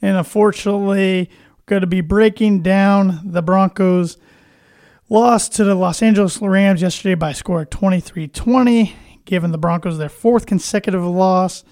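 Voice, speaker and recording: Guy hosting a sports podcast, kinda high voice, chatty, dead dry sound. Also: fairly even intonation, moderate pace, darkish tone, no echo. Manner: chatty, friendly, with frequent fillers. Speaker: podcast host. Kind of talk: casual sports podcast chat.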